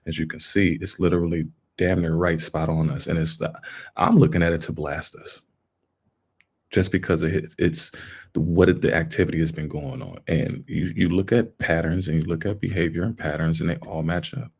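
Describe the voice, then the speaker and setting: A man's voice: low-pitched, steady tone, moderate pace, darkish tone, slightly rough. A man giving casual, emphatic live commentary in colloquial, repetitive phrasing. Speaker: livestream host commenting on a video.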